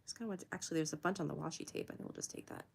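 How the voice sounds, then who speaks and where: A young woman hosts a relaxed drawing livestream, talking to her chat as she works. Her voice sits a little low, but it jumps way up when she greets viewers, and she laughs easily. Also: racing, creaky, slight background noise. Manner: chatty and giggly, greets viewers in a high voice. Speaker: art livestream host.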